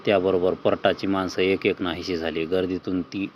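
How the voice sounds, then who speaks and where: A man reading a short story aloud at a steady, measured pace. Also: sits low, lo-fi sound, slight background noise.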